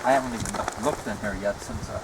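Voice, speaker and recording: A middle-aged man chatting casually and reflectively in a halting way, talking out of the side of his mouth. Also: on the low side, fairly even intonation, gravelly, heavy background noise. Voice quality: talks out of one side of the mouth. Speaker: retired comic book artist showing a car. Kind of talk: casual rambling chat. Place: outdoors beside a parked car.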